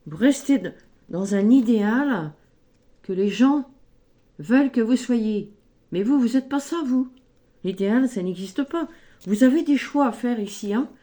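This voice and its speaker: A woman giving a spoken tarot card reading, slow and gently encouraging, often adding little tags as she goes. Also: a little high, lively intonation. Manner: slow, gentle, encouraging, frequent "hein" and "ici".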